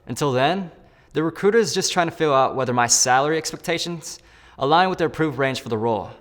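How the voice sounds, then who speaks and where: A man with a slightly high, fairly bright voice talks fast and animatedly, sounding like he's in a big room. He plays a job candidate in a scripted phone-interview role-play, cheerfully breaking off to walk the viewer through each step.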